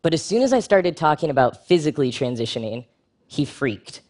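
A man gives a rehearsed talk to an audience at a brisk clip. He's frank and wryly humorous, and his voice jumps in pitch when he wants to stress something.

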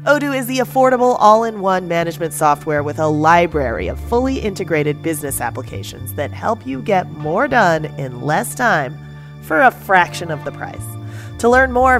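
A woman reading scripted ads for a podcast in a smooth, upbeat promotional delivery. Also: on the low side. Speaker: ad reader for a podcast. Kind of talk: scripted ad read.

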